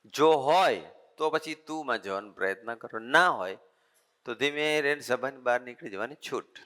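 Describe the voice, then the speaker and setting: A monk gives a relaxed, conversational sermon, piling up his points in folksy repeated lists. His voice sits at an ordinary middle pitch for a man. The sound rings out with a long reverb, as in an assembly hall. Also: moderate pace. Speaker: monk giving a discourse.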